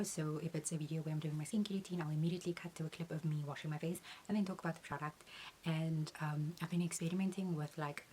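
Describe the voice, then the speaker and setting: A young beauty creator answers viewer questions in a low, steady voice, speaking earnestly and in a measured way with an occasional "um" between points. The recording is low quality, with a faint hiss underneath.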